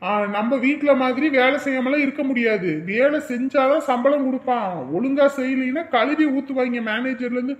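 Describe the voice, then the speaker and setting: A woman's voice: high voice, steady tone, normal speed, hardly any pauses, roomy sound, natural voice. A woman playing a stubborn young husband who bossily orders his wife to stay home. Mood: stern. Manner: bossy, dismissive.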